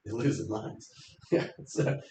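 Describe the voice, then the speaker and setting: A man's voice: medium pitch, steady tone, slow pace, dark tone, roomy sound, a little hiss or hum. A man, a stand-up comedian guest, telling rambling, sarcastic stories in a casual interview chat. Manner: rambling storyteller, jokey and sarcastic.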